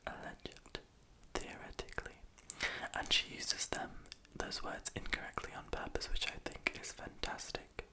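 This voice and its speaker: A young adult speaking in a soft, breathy, unvoiced whisper, rambling hesitantly and self-deprecatingly to the viewer in an ASMR style. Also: moderate pace, few pauses. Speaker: ASMR video creator. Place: small room in a house at night.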